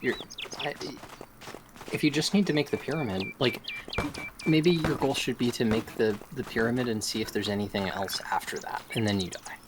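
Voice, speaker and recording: A man's voice: mid-range voice, normal speed, noisy background. A man chatting casually and playfully as he comments on a game being played. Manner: playful, bantering. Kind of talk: casual gameplay chat.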